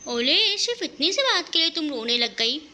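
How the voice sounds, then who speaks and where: A woman's voice: extremely high pitch, sing-song, moderate pace, pushed and bright, slight background noise, pitched above the performer's own voice, heavily acted. A woman voicing an affectionate young woman who coaxes and comforts her upset best friend in a romantic audio story. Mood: coaxing. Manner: coaxing, affectionate pleading.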